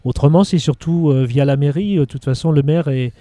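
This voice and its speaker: Hesitant man with a dark, dry voice. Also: fairly high pitch, brisk, dry recording. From Haute-Savoie, France. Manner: hesitant, many restarts and fillers. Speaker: local government official managing outdoor sites. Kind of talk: interview answers.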